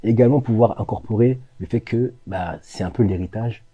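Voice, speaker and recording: A French-born man answers interview questions about his brand in a low, dark voice. He talks thoughtfully and hesitantly, with lots of fillers and pauses. His voice has a slightly husky texture and sounds dry and close. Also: no echo, dull audio. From France. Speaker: co-founder of a natural products brand.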